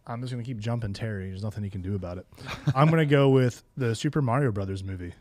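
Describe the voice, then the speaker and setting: Talking fast in loose slang, a podcast co-host bantered casually and enthusiastically about video game movies. His voice is fairly low and a little mellow, with no room sound.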